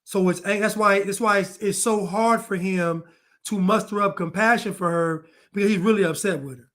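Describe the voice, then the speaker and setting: Speaking at a moderate pace in a steady, high-pitched, slightly bright voice, a man dissects a clip for his true crime audience. His delivery is emphatic, built around pointed rhetorical questions he asks repeatedly.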